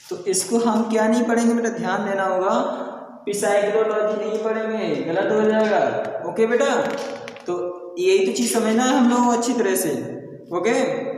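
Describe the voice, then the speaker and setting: A man's voice: sits high, normal speed, a little mellow, slight background noise. A man teaching an English pronunciation lesson, repeatedly quizzing his students and addressing them affectionately as children. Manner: repeats questions to students, calls them beta. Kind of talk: classroom lesson on silent letters. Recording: echoey classroom from far off.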